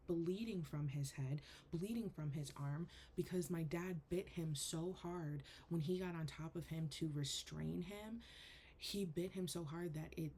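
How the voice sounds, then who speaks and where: A young woman, a spiritual coach, recounts a hard personal story on her vlog. Her voice sits low and crackles with steady vocal fry. She speaks earnestly and haltingly, leaning on "like" as she goes.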